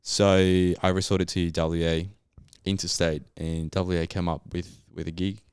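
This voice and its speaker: With a deep voice, flat delivery and measured pace, this smooth-sounding young adult recounts his story as a podcast guest. He's a geologist from Colombia who speaks Spanish natively, and his interview style is casual, relaxed and slangy in an Australian manner. The sound is clean studio audio with no echo.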